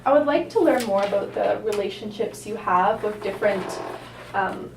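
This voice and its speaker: A woman speaking as a calm, supportive therapist, asking gentle questions and affirming answers in a counselling session. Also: medium pitch, normal speed. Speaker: counsellor in a practice roleplay session. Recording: roomy, distant mic, faint noise.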